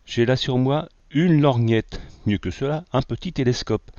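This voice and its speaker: A man's voice: medium pitch, normal speed, darkish tone, no echo, pitched above the performer's own voice, lightly acted. A man voicing a boastful male artist who brushes off danger with joking nonchalance. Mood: breezy. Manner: swaggering, jokey nonchalance. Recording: dull lo-fi, dry.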